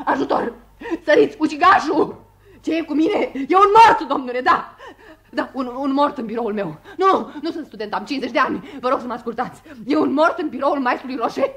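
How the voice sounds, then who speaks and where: An actress playing an excitable fifty-year-old female telephonist, in theatrical 1960s radio acting on an old recording. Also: high-pitched. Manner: theatrical, shrieking in fright, quick to laugh.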